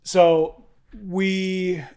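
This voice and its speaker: A man in his forties, a pastor talking as a guest on a podcast, telling stories earnestly with frequent restarts and soft asides. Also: sits high, little pitch movement, very slow, clean tone. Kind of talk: casual interview chat.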